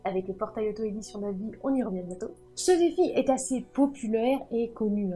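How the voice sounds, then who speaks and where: Chatty, lively woman with a husky voice. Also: a little high. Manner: lively, chatty, jokes about herself. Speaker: book and writing channel host. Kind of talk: casual chatty video talk.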